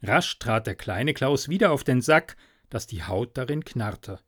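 A man calmly reading a fairy tale aloud as narrator, in even storytelling delivery, into a close mic. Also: medium pitch, measured pace, husky, no echo.

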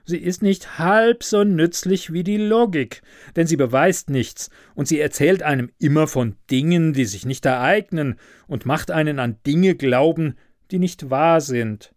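A man voicing an impulsive, self-absorbed young student in a fairy tale, with loud, excited exclamations. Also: on the high side, unhurried, dry recording, clean studio sound, close to an everyday voice. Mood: sulky.

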